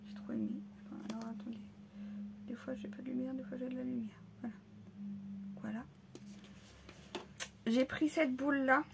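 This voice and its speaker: Gravelly-voiced woman showing her haul. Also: sits high, fairly even intonation, background noise. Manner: hesitant, many pauses and fillers, drops into soft half-whispers. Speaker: vlogger showing a shopping haul. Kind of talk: casual haul video.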